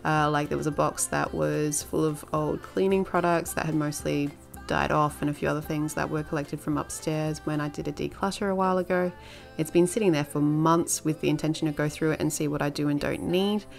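A woman with a low, gravelly voice talks through her cleaning routine in a relaxed, rambling voice-over, full of little fillers. Soft music plays faintly underneath. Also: brisk. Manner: chatty and rambling, with filler words. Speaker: home cleaning vlogger. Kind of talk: casual voice-over narration.

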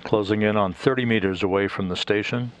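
A man giving live mission control commentary in a measured, factual, explanatory way. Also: fairly low pitch, steady tone.

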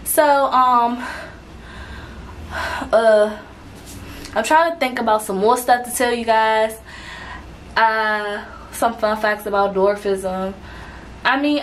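Chatty young woman vlogging, slightly high. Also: fairly bright tone, slight background noise, poor audio. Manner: chatty, rambling, with frequent restarts and fillers. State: out of breath. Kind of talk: casual talk to camera.

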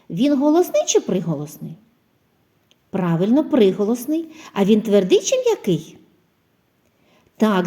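A woman kindergarten teacher giving a phonics lesson to preschoolers, asking questions, pausing for answers and spelling out example words slowly and clearly. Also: medium pitch, dark tone. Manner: asks questions and pauses for children's answers.

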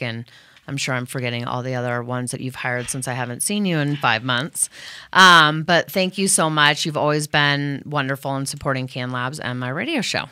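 A woman's voice: rumbling low, pushed and bright, clear, resonant tone, no room sound, studio quality. A woman radio host thanking her sponsors in a loose, rambling chat full of fillers and restarts. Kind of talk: casual thank-you to sponsors.

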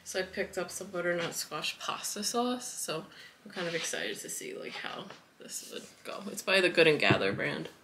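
A wellness vlogger in her thirties chats loosely through a grocery haul in her home kitchen, full of fillers and "likes." Her camera sits on the counter as she moves in and out of frame. Her voice is on the low side with big pitch swings at a normal speed, over a noisy background.

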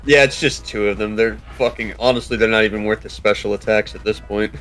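A man's voice: fairly low pitch, fairly even intonation, a little fast, fairly bright tone. A man giving casual, sweary video game commentary as he advises the player in an instructive way. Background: video game music.

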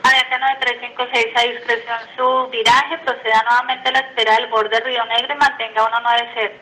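Bright-voiced woman air traffic controller on radio. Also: a little high, level tone, fairly quick, rough recording. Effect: aviation radio. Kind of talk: procedural radio instructions.

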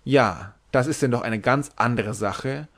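A man's voice: medium pitch, unhurried. A man voicing a short, drunken sailor who is brash, giggly and rambling.

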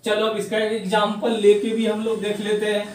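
Male grammar teacher, high voice, slow emphatic delivery, recorded in a very echoey room. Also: completely flat delivery. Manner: slow and emphatic, drawing out English words. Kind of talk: classroom lesson. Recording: echoey room, far from the mic.

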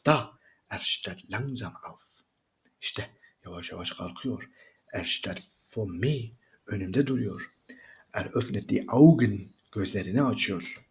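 Man reading German slowly, translating briskly. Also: fairly low pitch. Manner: reads German slowly, then translates in quick conversational asides. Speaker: German teacher. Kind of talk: reading a German reader aloud and translating line by line.

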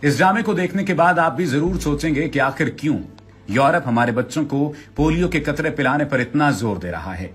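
A man narrating a summary of a TV drama in a measured, formal storytelling manner. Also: fairly high pitch, expressive, husky. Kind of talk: read narration.

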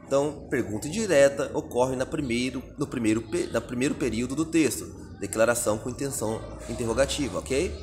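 A man's voice: mid-range voice, a little fast, few pauses, music in the background. A Brazilian man teaching a recorded exam-prep lesson, reading out answer options and explaining each one step by step. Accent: Brazilian Portuguese.

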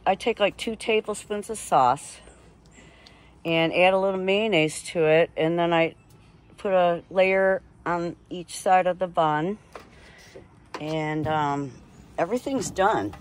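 A woman's voice: lowish voice, poor audio. A woman talking casually while grilling outdoors, filming on her phone with rambling asides. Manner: chatty, unhurried, rambling asides. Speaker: home cook filming herself. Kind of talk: casual cooking vlog. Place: outdoor deck by a lake. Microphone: phone held in hand.

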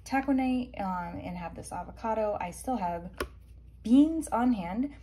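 A woman's voice: medium pitch, animated, measured pace, mellow. Chatty woman vlogging a grocery haul. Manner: chatty, rambling, with many fillers and asides. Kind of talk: casual chat. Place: indoors at home. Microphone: handheld phone filming products. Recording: noticeable background noise.

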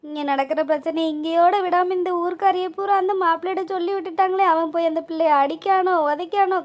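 A woman voicing a grieving, worried village mother in a cartoon, lamenting in a high sing-song. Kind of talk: cartoon voice acting.

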